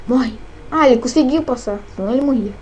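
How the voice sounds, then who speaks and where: A woman with a Brazilian Portuguese accent, excitedly commentating her own gameplay, cursing and shrieking at every scare. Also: fairly high pitch, quick pace, highs cut off, a little hiss or hum. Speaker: gameplay channel host.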